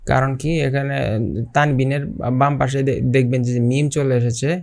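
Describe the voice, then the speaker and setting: A man teaching Quran recitation step by step, asking questions and then answering them, and drawing out example words slowly. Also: medium pitch, flat delivery, darkish tone. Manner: explains patiently, asks questions and answers them himself. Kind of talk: step-by-step tajweed lesson.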